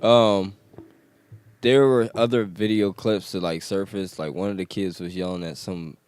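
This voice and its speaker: A man's voice: low voice, fairly even intonation, a little slow, darkish tone, no echo. A man in a casual podcast chat over drinks, laid-back and laughing along.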